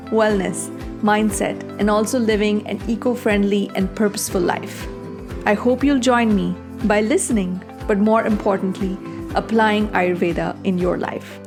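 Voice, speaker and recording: A woman who is an Ayurvedic practitioner hosts a wellness podcast, introducing the show and then chatting with a guest in an interview. Her voice is medium-pitched and creaky.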